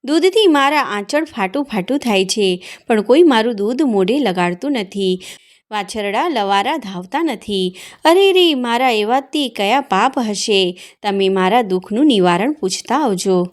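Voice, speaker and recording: A woman's voice: on the high side, expressive, a little slow. Woman voicing a plaintive talking cow. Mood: pleading. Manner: plaintive, lamenting. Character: suffering talking cow, female, pleading.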